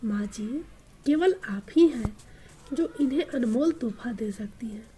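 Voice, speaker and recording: A woman's voice: on the high side, animated, unhurried, dark tone, a little hiss or hum. Woman voicing a coaxing scheming son. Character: scheming smooth-talking adult son.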